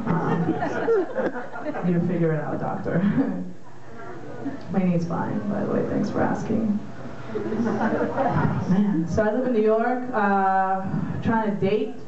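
A young woman from Israel with an Israeli accent, doing a stand-up comedy set with brash, teasing crowd work on a small bar stage. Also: mid-range voice. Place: small dim bar or club stage, indoors. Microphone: handheld mic, filmed by a far camera. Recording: echoey room filmed from far, dull lo-fi sound, noisy.

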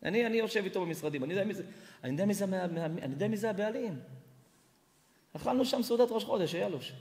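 A man, a rabbi, giving an emphatic Torah lesson, jumping from loud exclamations to hushed asides while telling stories. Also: sits high, expressive. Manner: storytelling with acted dialogue. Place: large hall at an evening lesson. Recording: hall reverb.

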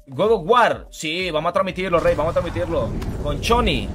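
A young man talks loosely through a live game stream, greeting viewers by name and calling them brother. His voice sits a little high. Loud game music plays behind him. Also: expressive, moderate pace. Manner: chatty, greets viewers by name, calls them bro and hermano. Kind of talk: casual live gaming commentary.

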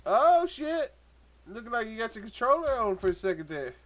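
A man's voice: sits high, animated, fast. A young man chatting crudely with a friend while playing a video game, laughing often and yelping now and then. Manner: loud, laughing, crude, with sudden yelps. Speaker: gaming channel host. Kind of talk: casual gaming chat with a friend.

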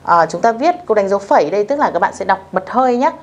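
A woman with a mid-range voice and lively intonation patiently guides beginners through a language lesson, slowly repeating phrases and making sure the students keep up.

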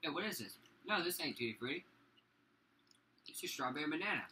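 A man's voice: fairly high pitch, animated, quick pace, sharp tone, rough recording. A young man chatting and joking bossily with friends during a food challenge, swearing and laughing. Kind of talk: casual chat among friends.

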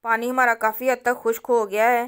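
In a clean, fairly high-pitched voice, a woman who hosts a cooking channel explains a home recipe step by step. She moves at a brisk pace while staying calm and instructive, speaking right to her viewers.

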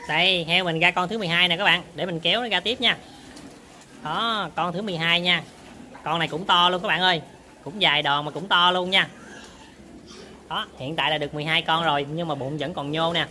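A man chats to viewers while he films his pig barn on a phone. His voice sits high and rings very bright. Faint barn noise runs behind him. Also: brisk. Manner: chatty, addresses viewers often. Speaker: pig farmer vlogger. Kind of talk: casual on-farm demonstration.

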